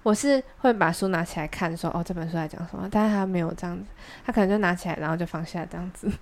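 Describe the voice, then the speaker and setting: Talking very fast in a low-leaning voice, this young podcast co-host with a Taiwanese Mandarin accent spins a long story in casual chat. She's animated and chatty, voicing the dialogue of the other people involved.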